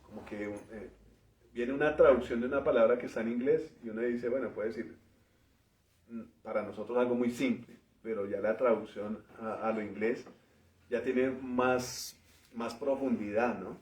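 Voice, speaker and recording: A man preaching a teaching sermon, explaining word meanings in a measured way and often ending phrases with a questioning tag. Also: mid-range voice, steady tone, darkish tone. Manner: pauses and restarts while working through word meanings. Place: church. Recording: roomy, distant, dull church recording.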